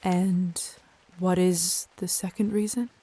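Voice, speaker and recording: Slow, mellow, hesitant young vampire. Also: female voice, lowish voice, steady tone, husky. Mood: wary, questioning. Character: hesitant, earnest newly turned female vampire fledgling. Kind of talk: scripted game dialogue.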